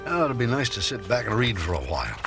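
An actor playing a patient, sensible man who keeps others calm, in a radio drama. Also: mid-range voice, quick pace, over music. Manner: level-headed, patient.

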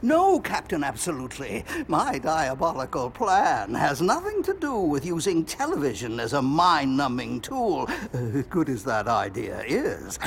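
A man's voice: a little high, wildly swooping pitch, measured pace, creaky, hardly any pauses, a little hiss or hum, full character voice. A man playing a cackling mad-scientist villain. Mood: scheming. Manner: gloating, theatrical, frequent cackling. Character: scheming male wrestling-manager mad scientist villain. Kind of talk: comedic audio drama acting.

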